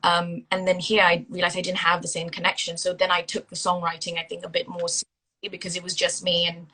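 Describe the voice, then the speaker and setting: Woman, 30s, from Singapore, interview guest; bright tone, rambling and filler-heavy. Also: lowish voice, monotone, fairly quick, low-quality recording. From India, raised in Singapore. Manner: chatty, with many fillers and restarts. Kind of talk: casual interview over a phone call.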